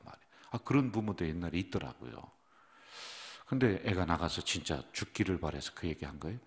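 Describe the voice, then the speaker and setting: Brief: male pastor, low voice with lively swings, dawn prayer sermon in a church, chatty, puts questions to the flock. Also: vocal fry. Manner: conversational, asks the congregation questions; acts out parents' scolding lines. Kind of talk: early morning prayer sermon.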